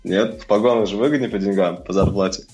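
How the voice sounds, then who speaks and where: A man's voice: lowish voice, fast, a little mellow. A man hosting an interview, talking in an informal, familiar way. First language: Russian. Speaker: interview host. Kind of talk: casual interview questioning. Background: music.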